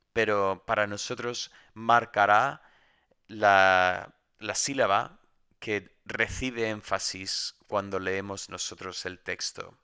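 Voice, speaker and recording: A man's voice: fairly low pitch, sharp tone, clean tone. A man teaching a recorded Greek grammar lesson from home, explaining step by step and often restarting his sentences.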